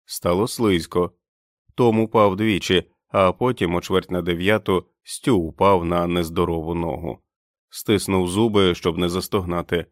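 A man narrating an audiobook in a measured, even reading voice. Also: deep voice, dry recording, studio quality. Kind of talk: scripted narration.

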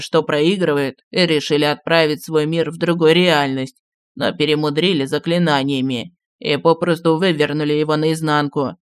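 Мужчина-чтец аудиокниги озвучивает старого маршала в отставке, неторопливого и ворчливого, который вспоминает былое. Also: male voice, smooth, no room sound, lightly acted. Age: older. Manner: slow, low, grumbling reminiscence. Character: old retired marshal, gruff, nostalgic, secretive.

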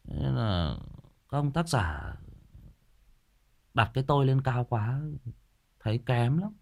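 Animated man chatting. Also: medium pitch, slow pace, vocal fry. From Thai Nguyen, northern Vietnam. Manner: animated, emphatic storytelling. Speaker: ghost story channel host. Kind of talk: casual chat to listeners.

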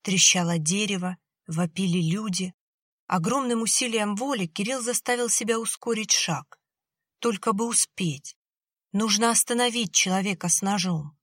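A woman narrating a horror story in a tense, measured storytelling manner. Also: mid-range voice, a bit bright, no echo, clean studio sound. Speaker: audiobook narrator.

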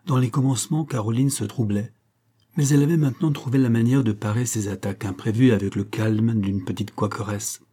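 A man narrating a classic novel as an audiobook, in a measured, even storytelling voice. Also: medium pitch, husky. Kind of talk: scripted narration.

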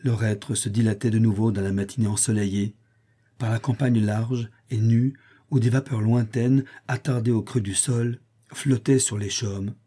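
Husky, dark-toned male narrator. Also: fairly low pitch, fairly even intonation. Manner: measured, phrase-by-phrase literary reading. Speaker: audiobook reader. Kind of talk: scripted narration.

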